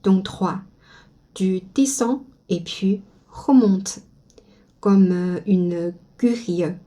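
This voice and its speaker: A woman whose first language is Chinese, teaching pronunciation slowly and modeling each sound for learners to repeat. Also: mid-range voice, dark tone. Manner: slow and careful, models sounds for repetition. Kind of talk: slow spoken language lesson.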